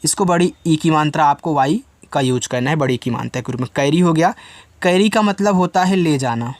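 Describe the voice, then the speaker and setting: A man's voice: on the high side, brisk, dry recording. A man teaching English spelling and reading, patiently repeating each point and asking his students questions.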